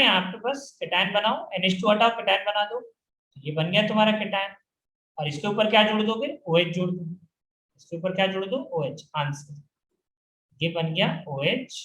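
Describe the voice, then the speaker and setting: Bright-voiced chemistry teacher quizzing a class. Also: male voice, high voice. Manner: quizzing students with repeated questions. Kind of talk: classroom lecture. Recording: echoey room.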